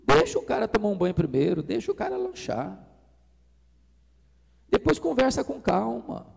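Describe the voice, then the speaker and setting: A middle-aged Brazilian man preaching a storytelling sermon, animated and acting out dialogue. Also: extremely high pitch, moderate pace, vocal fry, breathy edge. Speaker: pastor. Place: church or retreat hall. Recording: reverberant hall.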